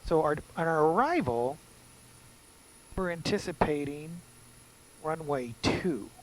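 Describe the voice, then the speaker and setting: A man mutters casual, self-deprecating remarks to himself while setting up the cockpit for a simulated flight. His voice sits on the high side, and he speaks slowly and expressively. The recording quality is low.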